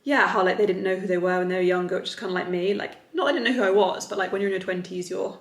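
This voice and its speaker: A woman in her mid-thirties talks straight to the camera in a loose, rambling way, leaning on "like" as she goes. Her voice sits a little low with a gravelly edge. The bedroom sounds echoey, and faint music plays underneath. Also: fairly even intonation, very fast. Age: 30s. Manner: chatty, rambling, heavy use of "like". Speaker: vlogger. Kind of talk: casual chat to camera. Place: bedroom at home. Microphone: camera on a stand.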